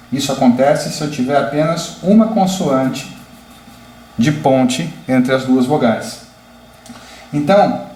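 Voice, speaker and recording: A man teaching pronunciation, explaining slowly and clearly with deliberate spoken examples. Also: medium pitch, darkish tone. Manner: slow, deliberate, demonstrative. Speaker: English teacher. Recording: echoey room with faint background noise.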